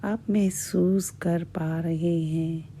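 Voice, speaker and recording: A woman hypnotist guiding a relaxation in a hushed, breathy, measured voice, repeating soothing phrases with long pauses. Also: lowish voice, fairly even intonation, slight background noise. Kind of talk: slow, soothing guided hypnosis.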